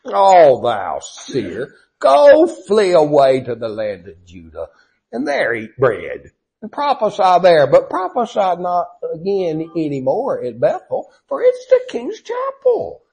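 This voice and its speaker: A man voicing a condescending priest who mocks a prophet in a drawn-out sing-song. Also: sits high, huge pitch swings, creaky, a little mellow, voice pushed up, exaggerated voice. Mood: mocking. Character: sneering condescending male priest.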